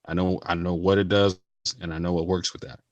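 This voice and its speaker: Low-voiced earnest man vlogging. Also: flat delivery, fairly quick, no room sound, lo-fi sound. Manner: earnest, slangy, repeats and restarts phrases. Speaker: channel host. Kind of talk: casual talk to camera.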